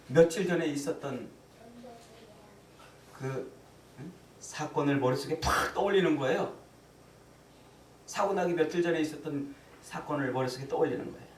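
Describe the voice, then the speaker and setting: Pastor guy preaching, fairly high voice, dramatic storytelling, echoey church from a distance. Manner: storytelling, dramatic swings from loud exclamations to hushed asides. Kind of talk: sermon. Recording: echoey hall, voice from far off, faint ambience.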